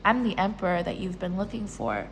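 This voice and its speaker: A woman voicing a confident male emperor lover, in a low, smooth, suave manner. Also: big pitch swings, fairly quick, a little hiss or hum, rough recording.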